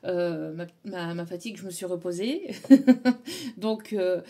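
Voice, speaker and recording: Mellow-voiced French woman, hesitant. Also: fairly low pitch, moderate pace. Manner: hesitant, many fillers and restarts. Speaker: tarot reader. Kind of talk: casual spiritual guidance talk.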